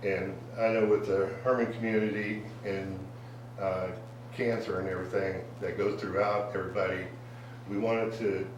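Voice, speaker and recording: In a council chamber, a man from a car club presents a donation during public remarks at a meeting, his fairly low voice flat and at normal speed. He is hesitant, full of fillers and restarts. The very echoey room and distant mic add a little hiss or hum.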